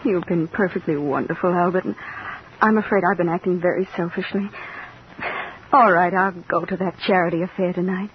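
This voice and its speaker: A woman playing a gentle, withdrawn wife in an old radio drama. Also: lowish voice, steady tone, a little fast, lightly acted. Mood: subdued. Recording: muffled old radio recording, faint hiss.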